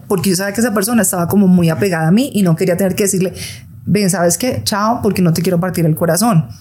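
A woman's voice: mid-range voice, dark tone. A middle-aged woman with a Colombian accent, talking candidly about her life as a podcast guest. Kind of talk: candid personal storytelling in an interview.

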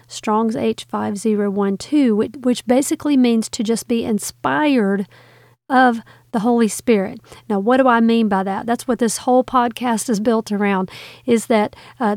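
A woman's voice: fairly high pitch, darkish tone, no echo, studio quality. A woman hosting a podcast, explaining Bible words in an earnest, teacherly way. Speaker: podcast host.

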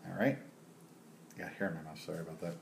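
A man's voice: sits low, steady tone, quick pace, creaky. A man co-hosting a casual trivia board game, joking and laughing often. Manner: jokey, laughs often, slips into put-on accents.

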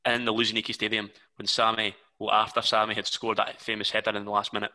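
A man's voice: lowish voice, completely flat delivery, quick pace, sharp tone, rough recording. A man interviewing a guest, asking long questions with detailed setups.

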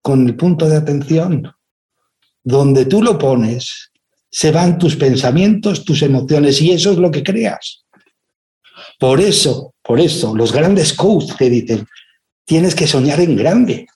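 Mellow man giving a talk. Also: on the high side, expressive, slow pace. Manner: rhetorical questions to the audience; acts out quoted voices in stories. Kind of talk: inspirational lecture.

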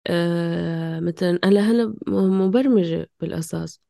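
A woman's voice: on the low side, normal speed, vocal fry, mellow, dry recording, studio quality. A woman talking casually and passionately, questioning herself in fragmented bursts. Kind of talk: casual, impassioned conversation.

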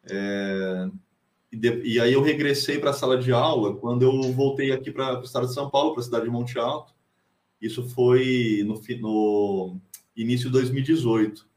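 Brazilian teacher guy, mid-pitched voice, lots of hesitations, echoey room. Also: fairly even intonation, moderate pace, a little mellow. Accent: Brazilian Portuguese. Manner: hesitant, many fillers and restarts. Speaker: writer and teacher, interview guest. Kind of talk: casual interview answer.

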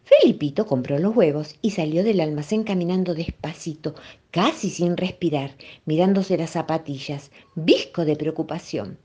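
A woman with a Rioplatense accent reading a children's story aloud in an expressive, playful manner. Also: low voice, normal speed, slightly rough. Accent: Rioplatense Spanish. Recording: dull lo-fi recording.

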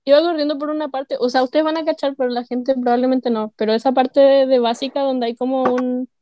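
A woman's voice: high voice, fairly even intonation, a little fast, mellow, no room sound. A young woman with a Chilean accent telling stories in a slangy, laughing casual chat.

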